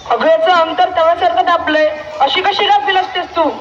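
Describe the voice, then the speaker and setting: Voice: extremely high pitch, normal speed, fairly bright tone, slight background noise. A child on a school stage playing a stern husband who scolds his wife. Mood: scolding. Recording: echoey hall, dull sound.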